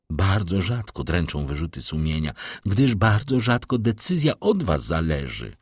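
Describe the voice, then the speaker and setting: A man voicing a frightened, anguished middle-aged noblewoman in an audiobook, in a high, pleading, trembling voice. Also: slightly rough, dry recording, clean studio sound, heavily acted. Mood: reflective. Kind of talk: audiobook character reading.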